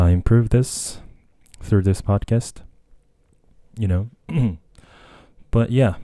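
A young Japanese man with a Japanese accent hosts a casual solo podcast from Tokyo, Japan, speaking hesitantly with many fillers and self-corrections. His voice is deep and warm, recorded at studio quality with no echo.

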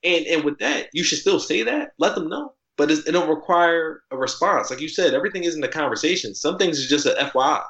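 Animated slangy man, roomy dull sound. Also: fairly quick, hardly any pauses. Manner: animated, jumps in pitch, slangy, repeats "like". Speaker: podcast guest, article writer. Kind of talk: casual conversational storytelling. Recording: roomy, slightly dull podcast audio.

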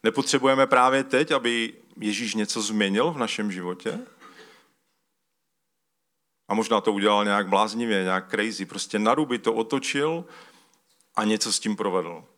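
A man with a fairly low, somewhat bright voice delivers a casual sermon, pausing often. He speaks conversationally with loose fillers and restarts, breaks off to ask for slides, and reads a scripture passage aloud.

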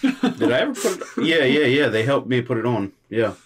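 A man's voice: mid-range voice, big pitch swings, brisk, crowd noise. A man bantering casually as a player in a tabletop role-playing game.

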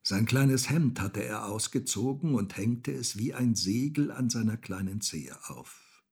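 A man reading a children's story aloud, slow and expressive. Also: medium pitch, breathy edge.

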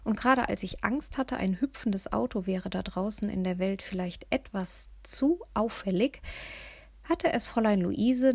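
A woman reading a humorous first-person story aloud, lively, often dropping into hushed whispers. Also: mid-range voice, creaky, no echo. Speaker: audiobook narrator.

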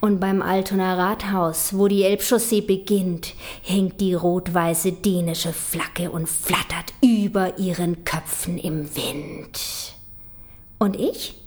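Danish-accented female slam poet, unhurried, ironic rhyming delivery with whispered asides. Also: fairly low pitch, fairly even intonation, darkish tone. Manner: rhythmic rhyming delivery with ironic, mocking emphasis; drops into whispers for secretive lines. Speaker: spoken-word poet. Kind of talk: performed slam poetry.

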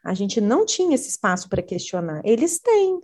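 A woman's voice: medium pitch, big pitch swings, moderate pace, a little mellow. A middle-aged woman with a Brazilian Portuguese accent, a parent educator talking earnestly and with animation in a conversational interview.

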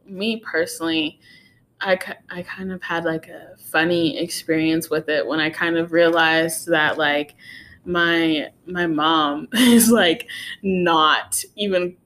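A young woman co-hosting a relaxed podcast conversation. She talks openly and thoughtfully about feelings and laughs easily between her thoughts. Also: fairly low pitch, slow, slight background noise. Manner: open, laughing, self-reflective. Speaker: podcast co-host. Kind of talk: casual chat.

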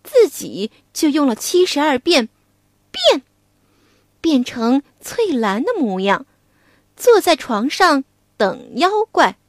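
Brief: woman narrating a kids' story, high and unhurried, dry close studio sound. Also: dry recording. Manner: slow, expressive, animated narration. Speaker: children's storyteller. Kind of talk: storytelling for children.

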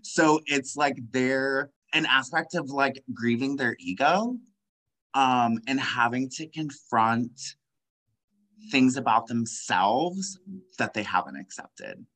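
A young adult man speaking as a guest in a casual conversation, impassioned, full of "like" fillers and quick laughs. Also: mid-range voice, animated, pushed and bright, low-quality recording.

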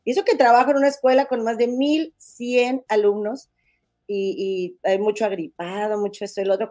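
A woman's voice: mid-range voice, dark tone. A woman from Monterrey with a northern Mexican accent, hosting a casual gossip podcast in a chatty, folksy way. She sounds nasal and stuffy from a head cold. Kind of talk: casual chat.

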